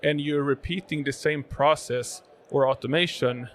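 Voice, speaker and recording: A fairly high-pitched man with fairly even intonation and a moderate pace is a guest at a live event podcast booth, explaining robotics in conversational interview answers. He's a robotics sales manager from Sweden whose first language is Swedish, and he uses many fillers and repeats words often.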